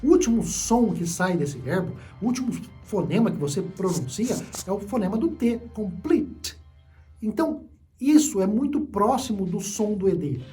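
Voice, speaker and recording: A man's voice: sits high, lively intonation, normal speed, dark tone, faint music behind. A man with a Brazilian accent teaching a video lesson, patient and repeating key points for his students. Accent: Brazilian Portuguese. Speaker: English teacher.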